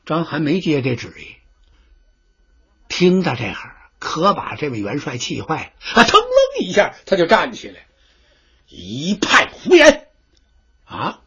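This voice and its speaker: A husky-voiced man tells a story in the traditional pingshu style, his pitch leaping up and down. His delivery is theatrical and animated, heard through a dull, lo-fi recording. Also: moderate pace.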